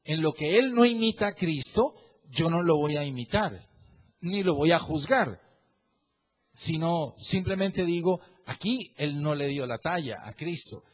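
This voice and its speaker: Husky-voiced preaching man, fairly high. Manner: animated preaching with big swings in pitch and volume, repeats phrases for emphasis. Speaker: pastor. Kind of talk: sermon.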